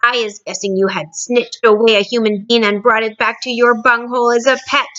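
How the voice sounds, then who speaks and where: A woman voicing a huge bullying male giant who booms and shouts insults in a storybook reading. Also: level tone, a little fast, dull audio, natural voice. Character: fifty-foot male giant, bullying and hungry.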